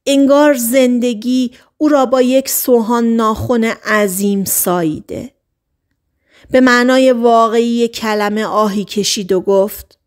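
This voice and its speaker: A woman reading an audiobook novel aloud in a calm, measured storytelling manner. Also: on the high side. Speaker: audiobook narrator. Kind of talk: scripted audiobook narration.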